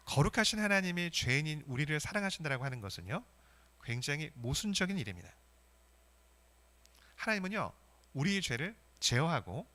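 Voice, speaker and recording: Male pastor, sermon, rhetorical questions, bright forceful tone. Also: fairly high pitch. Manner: animated, emphatic preaching with rhetorical questions.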